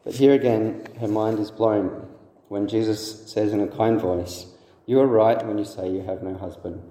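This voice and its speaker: A man's voice: on the low side, warm tone. Man preaching in a reverberant hall. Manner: measured, explanatory preaching with occasional restarts. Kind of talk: sermon. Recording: echoey hall with long reverb.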